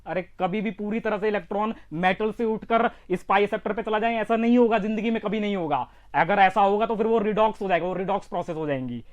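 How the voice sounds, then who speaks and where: A man's voice: high-pitched, fast, few pauses. A male chemistry teacher giving an online exam-prep lecture with lots of energy, repeating phrases and prodding his students to answer. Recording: slightly dull lo-fi recording.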